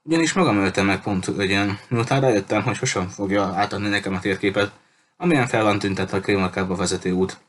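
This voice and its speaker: A cruel pirate captain, as a man reads him in an audiobook, coldly polite and full of threats. The voice sits low and steady. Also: a little hiss or hum, natural voice. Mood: menacing. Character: cruel menacing male pirate captain, adult. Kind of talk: audiobook character reading.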